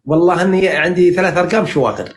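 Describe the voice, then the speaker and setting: A man in his sixties from central Saudi Arabia with a Najdi accent, interpreting dreams in a rambling, flattering live chat full of fillers and restarts. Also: high voice, rapid-fire, a little hiss or hum. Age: 60s. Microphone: phone on a live stream.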